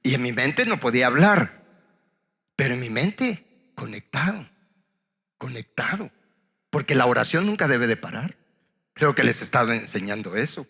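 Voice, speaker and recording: A man's voice: medium pitch, sing-song, moderate pace, gravelly, pauses often, bright, forceful tone, husky. A male pastor, preaching in a conversational, storytelling way and acting out quoted conversations. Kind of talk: sermon. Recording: long hall reverb.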